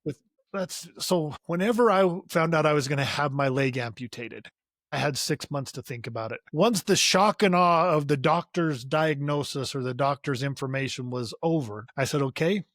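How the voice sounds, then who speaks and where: Higher-voiced man, motivational and earnest. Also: normal speed, fairly bright tone, no room sound, clean studio sound. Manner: earnest, motivational, repeats words when starting a sentence. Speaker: podcast guest. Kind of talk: conversational interview.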